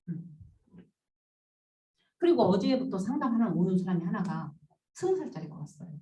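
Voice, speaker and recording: A woman counselor giving a storytelling lecture, animated and acting out the voices she quotes. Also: medium pitch. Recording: roomy sound from a distance.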